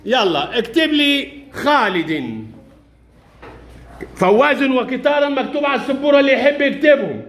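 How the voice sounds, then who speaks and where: A man's voice: extremely high pitch, very animated, normal speed, a bit bright. A man with an Egyptian accent teaching young pupils in a classroom, encouraging them and praising their answers often. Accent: Egyptian Arabic. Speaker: primary school teacher.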